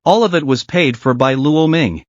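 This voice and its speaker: A man's voice: a little high, normal speed, dry recording. A man narrating a manhwa recap in a dramatic storytelling style. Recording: dry, dull lo-fi voice.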